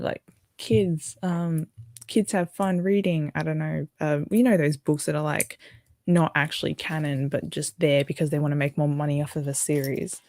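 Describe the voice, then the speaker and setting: Young Aussie woman, casual streamer, lowish, rambling delivery, dry close recording. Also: dark tone, no room sound. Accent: Australian. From Australia. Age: young adult. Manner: chatty and rambling, with fillers and self-corrections. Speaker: livestream host. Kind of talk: casual livestream chat, reading viewer comments.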